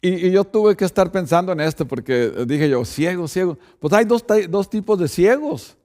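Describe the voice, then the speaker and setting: A man's voice: high-pitched, expressive, moderate pace, darkish tone. A man, a pastor, preaching a sermon and speaking directly to the congregation, often checking in with rhetorical asides.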